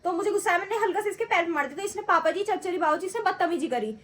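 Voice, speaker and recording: High-voiced chatty woman vlogging at home. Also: animated, racing, fairly bright tone. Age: 40s. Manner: chatty, scolding and teasing a child. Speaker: family vlogger. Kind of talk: casual home vlog narration.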